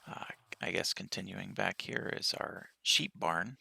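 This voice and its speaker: A man giving a relaxed tour of his game world with a just-woken-up morning voice, pausing often and speaking softly. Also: low voice, creaky, slightly rough. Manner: relaxed walkthrough with frequent pauses and fillers. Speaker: game player.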